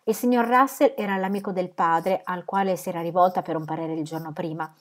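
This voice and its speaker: Low-voiced woman reading a novel aloud. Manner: steady, measured reading. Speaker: reader. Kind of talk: audiobook narration.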